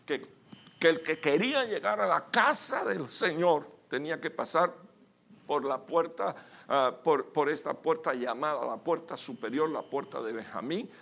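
A male pastor preaching a sermon with emphatic, sudden loud bursts, calling his listeners brother. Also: a little high, measured pace, vocal fry.

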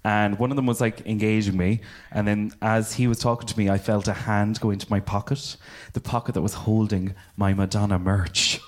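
A man, a guest on a live podcast, tells a story in an animated way, acting out what people said. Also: on the low side, a little fast, few pauses. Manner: animated, acts out quoted lines, laughs often. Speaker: podcast guest, drag performer.

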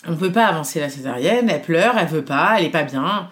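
A woman in her thirties, a guest on a casual chat, tells her birth story in a low voice and at a fast clip. She's animated and full of fillers, often slipping into the voices of the people she quotes.

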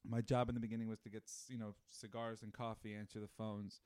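A man's voice: lowish voice, fast, smooth, dry recording, studio quality. A man in his thirties, a guest telling stories in casual chat with lots of fillers. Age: 30s. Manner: animated storyteller with many fillers. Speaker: podcast guest.

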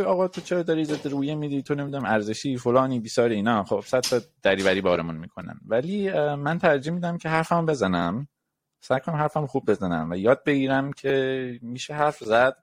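A man co-hosting a casual podcast, explaining his point through made-up example quotes. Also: mid-range voice. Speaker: podcast co-host.

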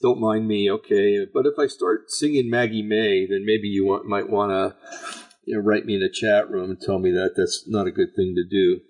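A man with a raspy, gravelly voice hosting an online show, giving informal religious commentary in a rambling, halting, folksy way. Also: lowish voice, fairly even intonation, a little mellow.

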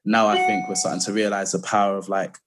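Low-voiced man thinking aloud. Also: little pitch movement, fast, over loud music. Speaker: podcast guest. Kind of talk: casual, reflective chat.

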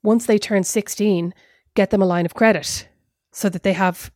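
A podcast co-host from Ireland, this woman talks casually, drifting from point to point and teasing herself. Her mid-range voice is a little mellow, with fairly even intonation and normal speed. The recording is dry and the studio sound clean.

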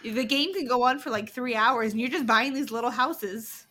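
A woman's voice: on the high side, moderate pace, sharp tone. A woman co-hosting a podcast, chatting casually through an episode recap with frequent giggles and ums. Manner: giggly, talks through plot with filler ums. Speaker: podcast co-host.

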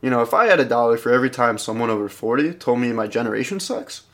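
A man's voice: medium pitch, lively intonation, fast talker, fairly bright tone. Giggly young man reading jokes. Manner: casual, giggly, rambling asides. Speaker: joke reader. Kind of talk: reading jokes aloud with commentary.

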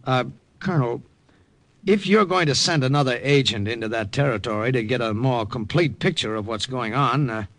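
An actor playing an earnest young American army sergeant who also narrates, in a 1940s radio drama. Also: male voice, medium pitch, moderate pace, fairly bright tone, lightly acted.

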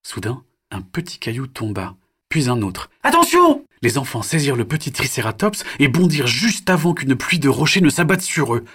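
A man narrating a children's story, expressive and dramatic, sometimes dropping to a whisper. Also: mid-range voice, normal speed, breathy edge.

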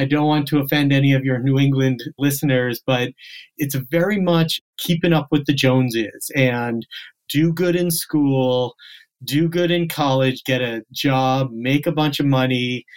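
A man in his thirties, born in South Africa and raised near Boston, answering interview questions earnestly with small restarts. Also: medium pitch. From born in South Africa, grew up near Boston. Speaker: podcast guest, outdoor camp CEO.

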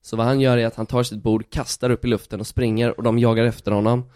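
A man telling stories in a casual podcast chat, animated, swearing casually and acting out the quotes. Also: medium pitch, no echo, clean studio sound.

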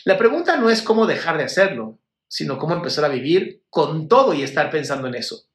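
A man with a Mexican Spanish accent, his voice on the high side and a bit bright, speaks fairly quickly with big swings in pitch. He's hosting a casual live stream, fielding mental health questions with blunt, affectionate talk, free swearing, and calling viewers "my love." The audio is reverberant.

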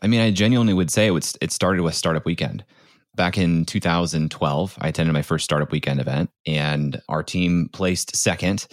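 A man's voice: low-pitched, normal speed, no room sound, studio quality. A man from the United States giving an informal, conversational account as a podcast guest, often saying "like". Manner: informal, peppers speech with "like". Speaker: podcast guest, startup founder turned creator. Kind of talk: conversational interview storytelling.

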